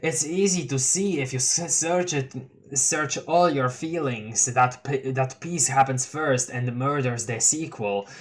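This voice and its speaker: A man's voice: mid-range voice, a little slow, natural voice. A man reading as a drawling stoned clown boy. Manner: drawling, stoned, fumbling over words. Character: mellow laid-back clown troll boy.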